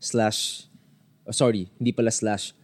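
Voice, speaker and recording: A man's voice: on the low side, steady tone, normal speed. A man co-hosting a casual chat, teasing and switching languages freely. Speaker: podcast co-host.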